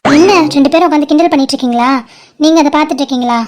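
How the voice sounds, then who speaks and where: An arrogant, bossy young woman from a homemade cartoon who barks orders and sneers at everyone, voiced by a woman. The voice sits high for a woman and carries a sharp, contemptuous edge throughout. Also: very fast, lightly acted. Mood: scolding. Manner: scolding, sneering. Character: scheming haughty young woman, rude and bossy. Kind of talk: animated cartoon voice acting.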